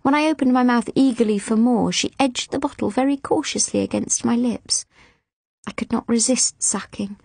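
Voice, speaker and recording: A woman reading a children's audiobook in an expressive, emotive first-person storytelling style. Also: on the high side, gravelly, husky, dry recording. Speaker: audiobook reader. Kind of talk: scripted first-person narration.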